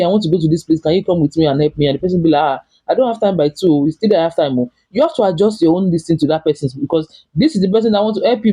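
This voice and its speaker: A Nigerian man with a Nigerian English accent, a vlogger living abroad, chats casually but emphatically, often repeating and restarting his phrases. His voice is on the high side, warm and husky, though the audio is poor.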